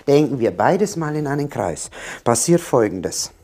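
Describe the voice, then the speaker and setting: A man delivers a motivational self-help monologue, speaking earnestly and straight to the viewer and repeating his points. His mid-range voice is mellow and very animated, though his pace is unhurried.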